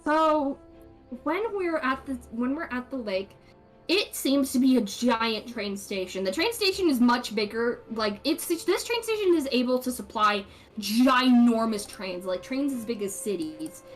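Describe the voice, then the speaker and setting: A woman game master narrating a tabletop session in a loose, rambling way. Her voice sits somewhat high, and faint music plays behind her. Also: animated, measured pace. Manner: rambling, many fillers and restarts.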